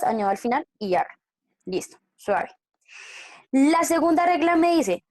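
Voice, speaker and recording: A woman's voice: a little high, a little mellow, no echo. Woman English teacher, patient and questioning, online class, dry computer mic. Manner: patient, checks understanding with frequent questions. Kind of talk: online class explaining grammar.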